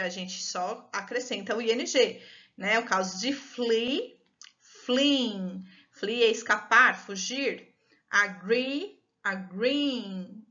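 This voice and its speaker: Brazilian woman teacher, fairly high bright voice, patient step-by-step explaining, muffled lo-fi sound. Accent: Brazilian Portuguese. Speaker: English teacher. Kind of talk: recorded online lesson. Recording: dull lo-fi recording.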